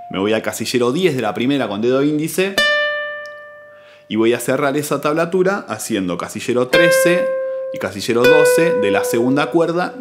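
Argentine male guitar teacher, methodical and patient, plucked guitar loud in between, mid-pitched voice. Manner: calm, methodical, counting strings and frets. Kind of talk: step-by-step guitar tutorial. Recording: guitar playing loudly between phrases.

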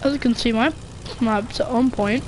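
A woman's voice: a little high, measured pace, noisy background. A young woman chatting casually and swearing freely while she plays a game, mocking her own skill. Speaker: gamer. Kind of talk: casual gameplay commentary.

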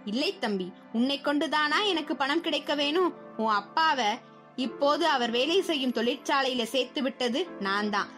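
A woman's voice: high-pitched, normal speed, a bit bright, faint music behind. A woman reading the lines of a scheming middle-aged male circus owner in a children's story, with a mocking, taunting manner. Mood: coaxing.

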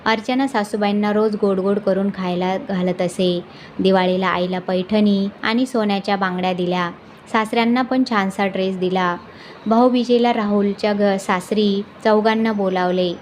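A woman reading a scripted moral story aloud in an even, measured narrating voice. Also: mid-range voice, slight background noise.

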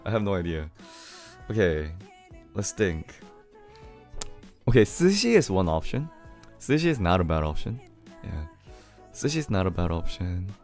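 A young man from Korea hosts a relaxed live stream, greeting viewers by name and laughing easily. His voice sits very low and sounds hoarse from singing too loud. A song plays faintly in the background. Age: 20s. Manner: laid-back, greets viewers one by one, laughs often. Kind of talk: casual live stream chat, reading viewer messages aloud. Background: his favorite song playing softly.

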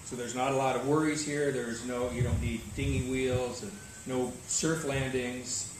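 An older man's medium-pitched voice barely moves in pitch as he speaks a little slowly, answering questions about his cruising services business. He sounds relaxed and plain-spoken, and the open-air tropical veranda setting makes the recording echoey, distant, and noisy.

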